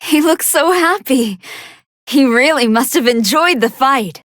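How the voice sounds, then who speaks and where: A young female android scientist from an anime fighting game serves as commentator, her high voice recorded dry in a studio with no room sound. She uses formal, scholarly phrasing and speaks a little slowly, earnest and excitable, excited and admiring, barely containing a hunger.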